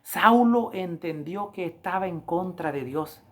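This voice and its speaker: Woman preaching a bible study, lowish voice, keeps repeating herself for emphasis, talks right to the listener. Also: animated. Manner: emphatic, repetitive preaching with direct appeals to listeners; slows down to read scripture aloud. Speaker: Adventist Bible lesson teacher.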